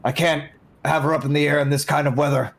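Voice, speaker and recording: A man's voice: on the high side, level tone, fast talker, vocal fry. A man voicing an airship captain who bluntly apologizes to his passengers for a delay. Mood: apologetic. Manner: blunt, swears. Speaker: ship's captain.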